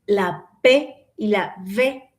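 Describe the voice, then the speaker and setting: A woman giving a live-stream Spanish lesson, explaining and demonstrating pronunciation by slowly repeating words. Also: mid-range voice. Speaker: Spanish teacher.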